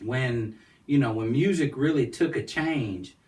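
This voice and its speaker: The nonprofit founder sounds a little slow and slightly mellow here, though his voice stays high-pitched. Guesting on a casual interview, he rambles and keeps dropping "you know what I'm saying," picked up by a distant microphone.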